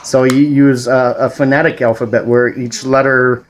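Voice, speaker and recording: Here the same American ham radio operator and father, about forty, talks at a medium pitch with little variation and a moderate pace, with a bit of background noise. Indoors at his home station, he rambles informally as he explains things to the camera.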